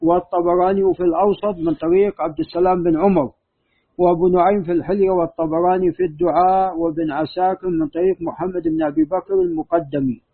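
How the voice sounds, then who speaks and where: A man's voice: sits high, fairly even intonation, fast, slightly rough. A man, a religious scholar, giving a methodical lecture that lists chains of narrators and grades each report, and answering a student's questions. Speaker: hadith scholar teaching. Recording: tinny lo-fi phone-like recording.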